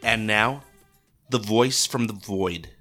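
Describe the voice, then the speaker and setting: A man's voice: on the low side, takes it slowly, pushed and bright. A man voicing a disembodied brain in a jar who hosts eerie audio tales, a theatrical, sly showman. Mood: ominous. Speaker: host. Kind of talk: scripted podcast narration. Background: music.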